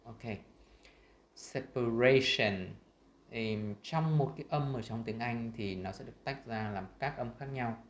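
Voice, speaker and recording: A man with a Vietnamese accent teaching English pronunciation, saying sample words slowly and loudly between his explanations. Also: medium pitch, reverberant, a little hiss or hum. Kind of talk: screen-share lesson.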